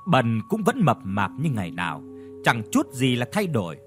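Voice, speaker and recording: Guy reading a story out loud, pitch going up and down a lot, dramatic. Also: wildly swooping pitch, moderate pace, soft background music. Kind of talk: scripted story narration.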